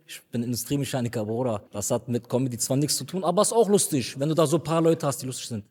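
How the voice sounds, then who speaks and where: Man, guest, quick slangy talk, reverberant room. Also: mid-range voice, a little mellow, husky. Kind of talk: casual chat.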